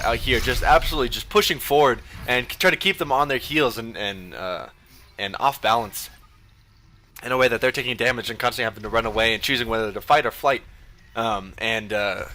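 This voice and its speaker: A man giving casual, profane play-by-play of a video game match, full of ums and uhs, with sudden bursts of excitement. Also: mid-range voice, slight background noise. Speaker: esports caster.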